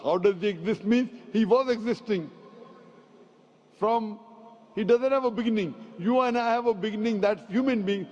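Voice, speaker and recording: A man answers questions from the floor at a public lecture in a slightly high voice. He talks in a measured, emphatic way, and his voice rings through a large, echoey hall on a dull, lo-fi recording. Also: darkish tone. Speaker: speaker answering audience questions.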